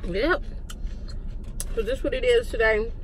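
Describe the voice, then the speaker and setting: A woman's voice: fairly high pitch, a little slow, a little hiss or hum. A woman chatting casually to viewers while chewing food in a parked car. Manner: chatty, informal, addresses viewers as y'all. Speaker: mukbang vlogger.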